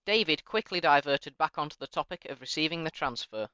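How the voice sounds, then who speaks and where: A man hosting his channel, narrating in a mock-polite, sarcastic, deadpan way and reading emails aloud. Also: fairly high pitch, a little fast, clear, resonant tone, dry recording, muffled recording.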